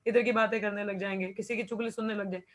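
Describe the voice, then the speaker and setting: A woman's voice: medium pitch, steady tone, rapid-fire. A young woman patiently explaining spiritual practice in an informal class, slipping in English phrases. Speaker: devotional class speaker.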